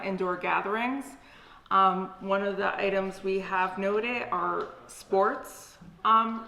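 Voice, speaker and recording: A health official speaking on a conference call, her voice bright and forward. She explains procedure carefully and steadily, pausing often on fillers. The line sounds roomy and echoey, with a faint hiss behind her. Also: mid-range voice. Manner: measured, procedural, many fillers. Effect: heard over a conference call line. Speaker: local health department official. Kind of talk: public Q&A answers.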